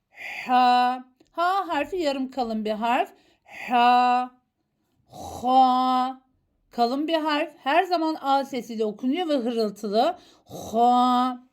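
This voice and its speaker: A woman teaching a Quran reading lesson, sounding out letters one at a time and correcting common mistakes. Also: high voice. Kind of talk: slow, careful Quran alphabet lesson.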